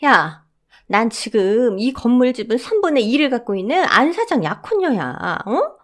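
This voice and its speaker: A woman voicing a brash, loud middle-aged woman who shouts and insists she owns the building. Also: sing-song, normal speed. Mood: insistent. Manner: shrill, shouting, indignant.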